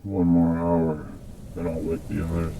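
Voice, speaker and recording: A man voicing a weary, gruff camp sentry with a dark, gritty delivery in a fantasy audiobook. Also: sits low, completely flat delivery, measured pace, a little hiss or hum, pitched below the performer's own voice.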